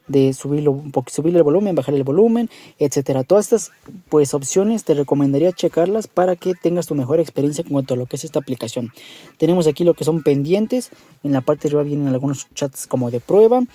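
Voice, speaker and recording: A tutorial host with a slightly high, warm male voice narrates a casual app tutorial, meandering informally and often checking in with the listener. There is no echo.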